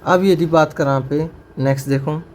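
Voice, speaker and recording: A man's voice: fairly high pitch, fairly even intonation, moderate pace. A male teacher, teaching a grammar lesson to a class and drilling his students with repeated questions. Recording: faint background noise.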